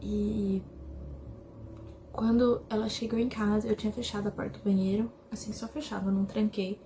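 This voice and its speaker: A young woman from Brazil tells her personal story to the camera in a mellow, warm voice. Her delivery is emotional and halting, with many repetitions. A faint noise sits under the recording. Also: medium pitch, flat delivery. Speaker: vlogger.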